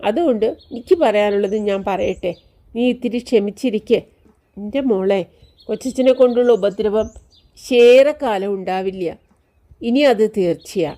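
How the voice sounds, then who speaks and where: A woman voicing a frail bedridden old man who speaks softly and gently to his niece. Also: a little high, natural voice. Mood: resigned.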